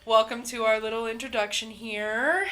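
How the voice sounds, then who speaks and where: A woman's voice: a little high, fairly even intonation, moderate pace, fairly bright tone. A woman in her twenties from Indiana, co-hosting a podcast in casual chat, blunt and laughing with frequent ums. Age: 20s. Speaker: podcast co-host.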